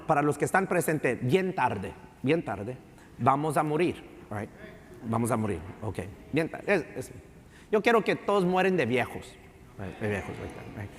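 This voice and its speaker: A man preaches in a church, his voice pitched rather high and trailing into a long reverb. He slides between languages mid-sentence and repeats his key lines for emphasis. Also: fairly bright tone. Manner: bilingual preaching, switching into English phrases; ends phrases with a questioning "right?". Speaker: pastor. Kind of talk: sermon. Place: church sanctuary.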